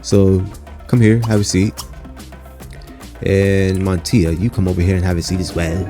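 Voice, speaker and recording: A man's voice: low-pitched, little pitch movement, normal speed, over music. A man giving casual, rambling gameplay commentary, talking to his viewers as "you guys" and filling his talk with "you know" and "um". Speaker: gaming channel host.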